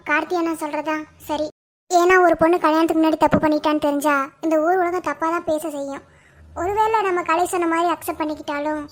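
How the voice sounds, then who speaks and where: A woman's voice: high-pitched, lightly acted. A woman voicing a caring young female college friend in a cartoon drama, coaxing and begging. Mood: earnest.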